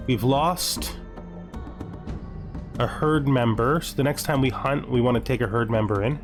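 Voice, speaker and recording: An unhurried man with a mid-range voice talks over music as a gameplay host. His casual commentary has him thinking out loud, weighing options and questioning himself along the way.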